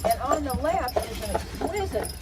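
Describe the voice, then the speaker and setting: A woman's voice: sits high, lively intonation, normal speed. Older woman guiding a tour, very noisy recording. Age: older, about 70. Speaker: tour guide. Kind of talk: guided sightseeing commentary, storytelling. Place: outdoors on a moving open carriage. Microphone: handheld phone a short distance away. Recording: very noisy outdoor phone recording, clopping hooves. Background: loud noise, horse hooves clip-clopping.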